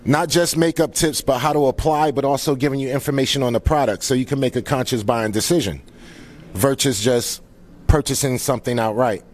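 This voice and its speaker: A man's voice: mid-range voice, a little fast. A man speaking as a founder presenting at a live event, informally welcoming guests in an earnest, grateful way.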